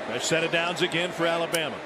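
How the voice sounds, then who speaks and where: A man doing live American football play-by-play, building into an excited touchdown call. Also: on the high side, quick pace. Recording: very noisy live stadium broadcast.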